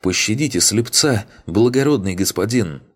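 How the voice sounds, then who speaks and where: Мужчина-чтец озвучивает слепого взрослого мужчину, который притворно, со слезами и всхлипами, умоляет о пощаде. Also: male voice, on the low side, animated, moderate pace, pitched above the performer's own voice. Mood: pleading, sobbing. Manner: whimpering, pleading. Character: blind adult man faking tearful, cowardly begging. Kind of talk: audiobook character voice.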